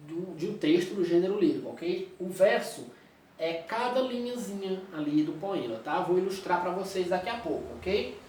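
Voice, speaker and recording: A man's voice: high-pitched, lively intonation, moderate pace, darkish tone, slight background noise. Brazilian male teacher explaining a lesson, constant check-ins, distant mic in a very echoey room. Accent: Brazilian Portuguese. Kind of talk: recorded classroom lecture.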